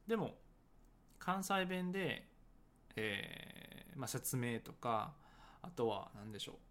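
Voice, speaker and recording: A man who teaches English conversation talks casually about his book, hedging often and pausing with many fillers. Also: medium pitch, sing-song, a bit bright. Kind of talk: casual solo talk promoting his book.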